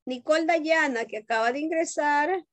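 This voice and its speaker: A woman's voice: high voice, moderate pace, fairly bright tone, no echo. A woman teaching English to young children in an online class, patiently repeating herself and asking if they understand. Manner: patient, repetitive, checks understanding with questions; calls children pet names. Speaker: primary school English teacher.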